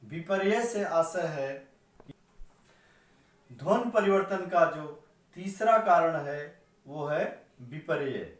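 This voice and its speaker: A male teacher giving a slow, explanatory lecture that repeats sample words one sound at a time. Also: on the high side, expressive. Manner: slow and repetitive, spelling out sounds. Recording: very echoey room, mic far off.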